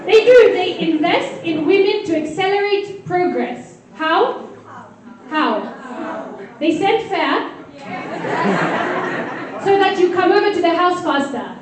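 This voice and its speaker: A Kenyan woman with a very high voice and lively intonation performs a stand-up comedy set, playfully teasing her audience at a slow pace with frequent pauses. She's recorded from a distance in an echoey hall, with audience laughter and crowd murmur around her.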